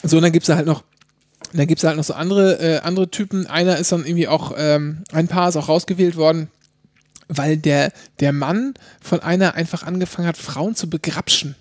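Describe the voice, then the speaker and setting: A man co-hosting a casual chat, retelling scenes in lively detail and quoting people in lowered mock voices. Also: brisk, no echo, clean studio sound. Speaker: podcast co-host.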